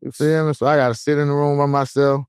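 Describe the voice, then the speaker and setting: A man's voice: a little high, level tone, fast talker, a little mellow, clear, resonant tone, dry recording, clean studio sound. A man in his thirties from Atlanta, a guest rapper on a podcast, talking candidly and easygoing in casual chat. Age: 30s. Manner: laid-back, candid, peppered with "you feel me".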